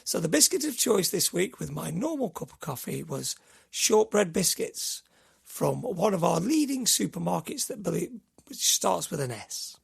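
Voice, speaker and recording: Brief: middle-aged man, gravelly and raspy, high-pitched for a man, chatty podcast host who rambles. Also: big pitch swings, normal speed. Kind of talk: casual chat.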